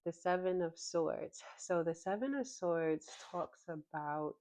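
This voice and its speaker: A woman giving a casual tarot reading, thinking aloud in an unhurried way with plenty of ums. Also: on the low side, a little mellow. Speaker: tarot reader. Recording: slightly dull lo-fi recording.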